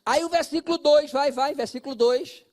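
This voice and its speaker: A pastor with a Brazilian Portuguese accent delivers a sermon, addressing his congregation directly and alternating between loud calls and quiet asides. His voice is very high-pitched and his pace is moderate.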